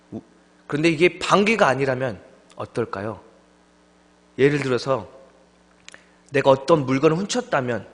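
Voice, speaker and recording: Young male preacher in echoing church. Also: medium pitch. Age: young adult. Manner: lively storytelling, acts out friends' voices. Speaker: junior pastor. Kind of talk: sermon. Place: church sanctuary. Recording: long church hall reverb.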